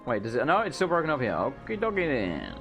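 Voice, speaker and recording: Animated, joking male gamer commentating. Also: medium pitch, fast talker, creaky, soft background music. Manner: joking, irreverent, muttering asides. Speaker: let's play commentator. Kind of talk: casual gameplay commentary.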